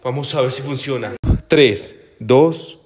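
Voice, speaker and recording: A man's voice: mid-range voice, slow pace. A man, making playful family skit videos and cooing at his pets. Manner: playful, coos affectionately. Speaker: family vlogger. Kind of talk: comic family skits and pet vlog.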